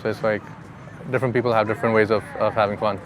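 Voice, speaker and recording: Pakistani-accented man over clear street noise. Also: lowish voice, little pitch movement, racing. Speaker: local guide. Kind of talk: casual chat. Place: outdoors by motorcycles near the beach. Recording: noisy outdoor street with traffic.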